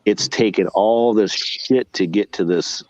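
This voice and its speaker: A man in his fifties in a casual chat, rambling and halting, often restarting his sentences. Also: fairly low pitch, no echo. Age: 50s. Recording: dull lo-fi audio.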